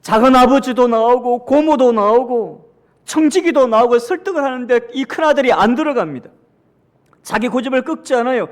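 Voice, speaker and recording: A male pastor with a Gyeongsang Korean accent and a very high-pitched voice preaches a sermon at normal speed. Speaking straight to the congregation, he reads scripture aloud with them and shifts between loud, emphatic lines and hushed asides.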